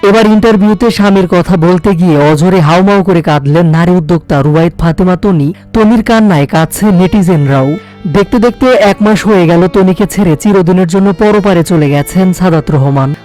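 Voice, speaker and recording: A man's voice: sits high, darkish tone. A man reading a scripted entertainment news voice-over. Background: faint instrumental music.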